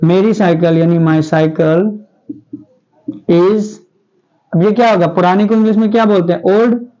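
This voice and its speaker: High-pitched guy teaching grammar in class, keeps asking then answering himself, muffled lo-fi sound. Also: fairly even intonation, measured pace, mellow. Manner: asks the class questions and answers them himself.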